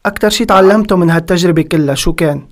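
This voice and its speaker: A man's voice: high-pitched, very fast. A man with a Lebanese Levantine Arabic accent hosting a casual interview and putting questions to a guest. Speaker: interview host.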